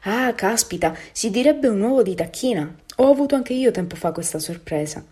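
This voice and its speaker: A woman's voice: on the high side, lively intonation, brisk, mellow, breathy edge, voice pushed up. A woman voicing a nosy, blunt old female duck in a storybook reading. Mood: bossy. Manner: blunt, bossy.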